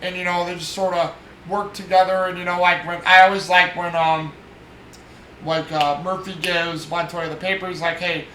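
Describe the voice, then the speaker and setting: A man's voice: high-pitched, level tone, moderate pace, pushed and bright. A man hosting a casual movie review, rambling with many fillers and restarts as he retells scenes. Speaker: movie podcast host. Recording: echoey room with faint noise.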